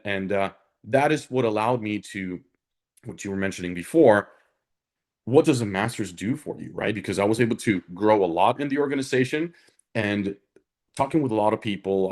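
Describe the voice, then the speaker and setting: A man from Honduras, speaking as an alumnus guest on a panel in an earnest, conversational way that often checks in with the listener. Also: fairly low pitch. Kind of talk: conversational career talk on a panel.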